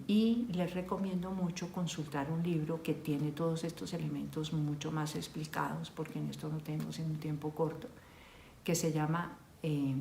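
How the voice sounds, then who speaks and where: A woman, a family and couples therapist, calmly explaining practical advice with worked examples. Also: low voice, creaky. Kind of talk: advice talk. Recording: echoey room with faint noise.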